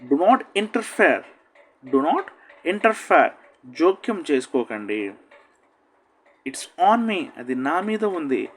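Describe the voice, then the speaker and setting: Man, language teacher, very slow deliberate drills, pitch a little high, animated intonation. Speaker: spoken English teacher. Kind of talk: slow, deliberate English-Telugu phrase drills.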